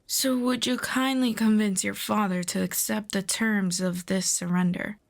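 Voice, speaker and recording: With a steady, mid-range voice touched by vocal fry, a woman performs a proud, earnest demon princess in a fantasy audio roleplay. The character speaks in a formal, measured, persuasive manner.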